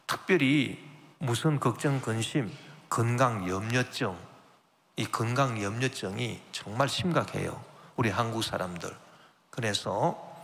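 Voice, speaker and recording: A man's voice: medium pitch, a bit bright. A man, senior pastor of a church, preaching a Sunday sermon with rising emphasis and spoken asides. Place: church sanctuary. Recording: long church hall reverb.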